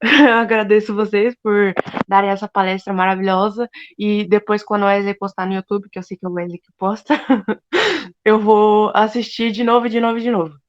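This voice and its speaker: A woman's voice: mid-range voice, no echo. Chatty Brazilian teen girl on a call. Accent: Brazilian Portuguese. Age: teens. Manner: chatty, informal, full of fillers. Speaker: study group participant. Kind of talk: casual discussion. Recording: dull lo-fi video call audio.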